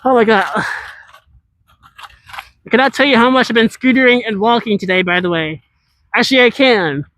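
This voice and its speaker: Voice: medium pitch, moderate pace, long pauses, a bit bright. An IRL streamer chatting casually with viewers while walking and scootering outdoors through a large city, rambling and answering chat as they go.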